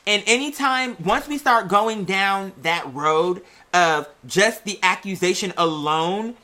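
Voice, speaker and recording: A show host and music artist chats sassily to podcast listeners in a casual monologue, calling them "girl" and "y'all" and stretching key words out theatrically. Her voice is medium-pitched, bright and forceful.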